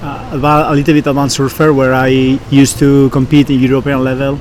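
A man with a Basque accent answering interview questions conversationally, with halting, searching phrasing. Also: medium pitch, level tone, a little mellow, a little hiss or hum. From Basque Country, Spain. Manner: hesitant, halting phrasing with frequent searching pauses. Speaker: professional surfer and engineer, interview guest.

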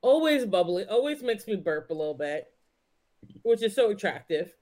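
A woman in her forties, chatting casually on a livestream show. She talks in a lively, storytelling way, mid-range in pitch. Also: normal speed. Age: 40s. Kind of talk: casual chat.

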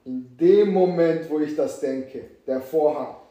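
A young man telling a scary story to friends in a casual, slangy, animated way. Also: fairly high pitch, unhurried, reverberant, recorded from a distance, slight background noise.

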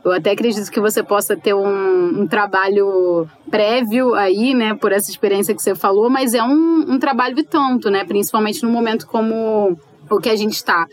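Lady interviewer, mid pitch, calm measured questions. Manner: measured, keeps asking for agreement with "né".

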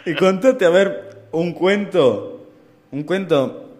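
A man's voice: sits high, slow, darkish tone. A man with an Argentine Spanish accent hosting a radio interview, encouraging his guest and laughing easily. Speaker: radio host. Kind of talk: casual interview.

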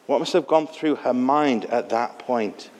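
A man's voice: mid-range voice, measured pace, darkish tone, a little hiss or hum. A man preaching an Easter sermon with earnest, reflective storytelling. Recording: long hall reverb.

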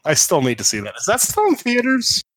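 A man's voice: sits high, wildly swooping pitch, brisk, fairly bright tone. A man in his thirties co-hosting a podcast, chipping in with casual banter. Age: 30s. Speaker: podcast co-host.

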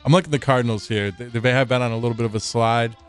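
Smooth-voiced, hesitant sports podcaster, man. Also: mid-range voice, steady tone, rapid-fire, soft background music. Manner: hesitant, lots of fillers and restarts. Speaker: podcast co-host. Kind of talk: casual sports chat.

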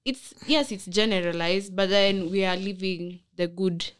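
A woman's voice: mid-range voice, steady tone, a little slow, clear, resonant tone. A young woman with a Kenyan accent, debating casually in an opinionated, argumentative way with some Swahili mixed in.

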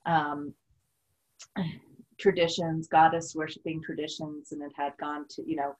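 A woman's voice: low voice, level tone, a little slow, low-quality recording. A woman talking earnestly and reflectively in a casual spiritual conversation, with frequent fillers.

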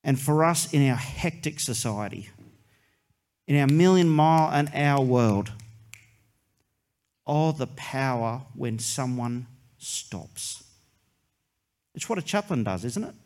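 A man, a pastor preaching a sermon in an earnest way, with long pauses and soft dramatic drops. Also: on the high side.

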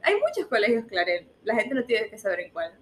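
A woman's voice: fairly high pitch, very animated, fairly quick, slight background noise. A woman, chatting frankly with a friend as co-host and swearing casually. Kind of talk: casual chat between friends.

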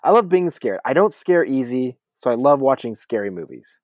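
A man co-hosting a casual podcast, talking excitedly and laughing often. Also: medium pitch, normal speed, dry recording, clean studio sound. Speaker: podcast co-host. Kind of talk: casual chat.

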